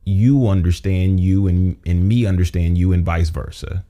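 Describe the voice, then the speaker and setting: A man's voice: deep voice, fairly even intonation, moderate pace, mellow. A man co-hosting a casual podcast conversation, rambling and restarting his sentences as he thinks aloud. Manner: rambling, restarts and repeats himself. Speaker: podcast co-host. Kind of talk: casual chat.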